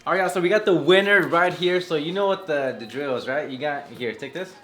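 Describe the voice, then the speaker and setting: A man's voice: on the high side, a little fast, a bit bright, faint music behind. A man with an American accent hosting a vlog in a casual, conversational way. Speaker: video host.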